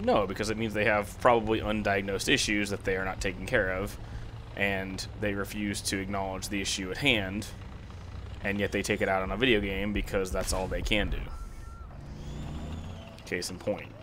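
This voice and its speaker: A man with a raspy voice giving casual, rambling video commentary, often hesitating and backtracking mid-sentence. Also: low-pitched, fairly bright tone, a little hiss or hum. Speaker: gaming video host.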